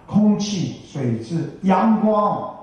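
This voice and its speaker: An older man delivers a Buddhist dharma talk in a folksy, chatty way, often asking his listeners rhetorical questions. His voice sits fairly high but sounds mellow and soft-edged. It is picked up from a distance in a strongly echoing hall. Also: sing-song, drawn-out words, lo-fi sound. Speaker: Buddhist teacher. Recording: echoey hall from far off.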